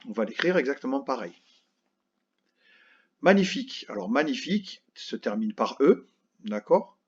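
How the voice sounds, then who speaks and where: Very animated, this male primary school teacher has a slightly husky, medium-pitched voice with a darkish tone. His recorded lesson for young children is slow and patient, with words spelled letter by letter and frequent check-ins, and the audio is a bit dull and lo-fi.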